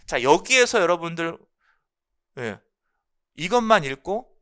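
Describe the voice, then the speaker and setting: Male lecturer, bright crisp tone, repeats key points, asks and answers his own questions. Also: fairly high pitch, sing-song, measured pace. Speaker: English linguistics lecturer. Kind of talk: exam-prep lecture explaining phonology.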